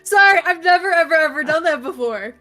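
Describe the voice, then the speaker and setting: A woman in a casual gaming chat whose loud cry clips and distorts her microphone. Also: very high voice, expressive, fairly quick, soft background music. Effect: loud outburst clipping and distorting the mic. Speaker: streamer learning a speedrun. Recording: distorted clipping mic.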